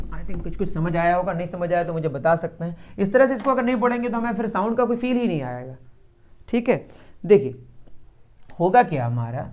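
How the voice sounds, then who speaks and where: Indian man teaching physics. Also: fairly high pitch. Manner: asks students questions and answers them himself. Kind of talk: classroom lecture.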